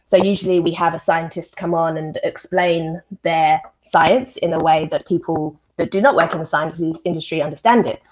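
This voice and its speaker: A woman who presents science events as a volunteer hosts an informal live online panel over a video call, keeping things chatty and conversational. Her voice sits low with fairly even intonation, and she speaks at normal speed with hardly any pauses, over dull, lo-fi call audio.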